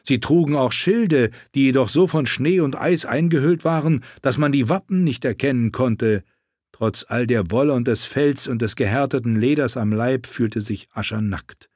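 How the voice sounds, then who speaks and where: A man's voice: mid-range voice, normal speed, darkish tone, no room sound. Male audiobook narrator, dry close sound. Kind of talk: scripted narration.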